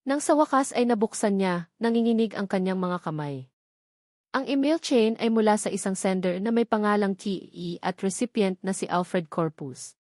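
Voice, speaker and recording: Her medium-pitched voice is animated and a little mellow, moving at normal speed as this woman with a Filipino accent narrates a scripted dramatic tale. There's no room sound, just clean studio quality.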